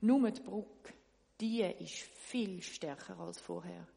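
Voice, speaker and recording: A woman tells a children's story lively, speaking straight to her young listeners. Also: lowish voice, slow pace, vocal fry. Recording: long reverb.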